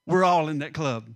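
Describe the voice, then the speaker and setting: A middle-aged man preaching a sermon, swinging between loud emphasis and hushed asides. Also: fairly high pitch. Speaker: pastor.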